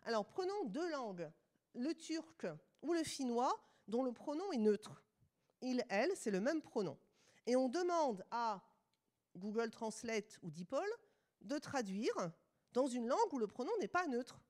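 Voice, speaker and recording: A woman's voice: a little high, big pitch swings, measured pace, a little mellow. A middle-aged woman from France with a French accent, giving a conference lecture with ironic asides.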